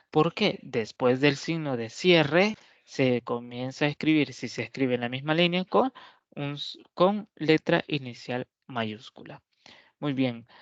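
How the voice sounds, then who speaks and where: A man giving a methodical grammar lesson, explaining each rule step by step and pausing to check that listeners follow. The recording is dry with no room sound and slightly dull and lo-fi. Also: a little high, no echo. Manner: methodical, often checks in with "¿verdad?". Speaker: teacher.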